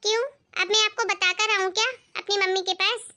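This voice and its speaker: A woman voicing a jealous grown daughter in an animated family skit, talking in a sharp, complaining way. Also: extremely high pitch, a little fast, exaggerated voice. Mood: bitter.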